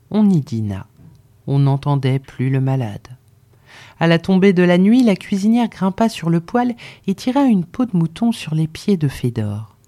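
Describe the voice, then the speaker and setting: Calm audiobook narrator, steady literary reading. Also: mid-range voice. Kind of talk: scripted narration.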